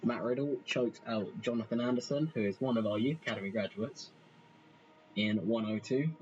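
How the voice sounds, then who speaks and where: A man's voice: medium pitch, normal speed, muffled recording, slight background noise. A man casually narrating a wrestling management game, rambling and self-deprecating as he goes. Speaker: let's play host.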